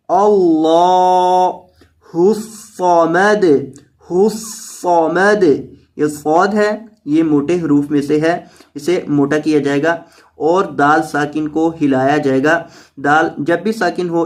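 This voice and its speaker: Fairly high-pitched man teaching tajweed. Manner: patient, repeats each word slowly, then explains quickly. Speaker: Quran teacher. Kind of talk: word-by-word tajweed lesson.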